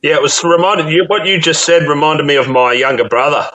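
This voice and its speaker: A man's voice: a little high, steady tone, brisk, pushed and bright, poor audio. A man hosting a casual live chat show, telling rambling stories with many restarts and laughs. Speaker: host.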